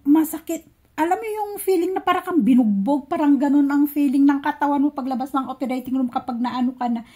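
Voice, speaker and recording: A woman vlogger telling a personal story in a chatty, casual way, often pausing to search for words. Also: high voice, mellow.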